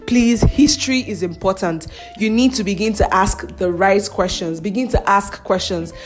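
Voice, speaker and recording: Over background music, this Nigerian-accented young podcast host riffs on the news, laughing often and tossing in mocking remarks. She has a medium-pitched voice and talks at a normal speed.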